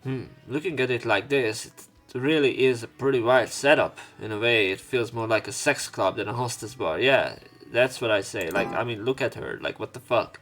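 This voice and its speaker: Game music sits behind this man as he reads a visual novel aloud for a let's play, tossing in casual remarks and frequently stumbling and self-correcting. His medium-pitched, somewhat bright voice moves at a moderate pace with hardly any pauses.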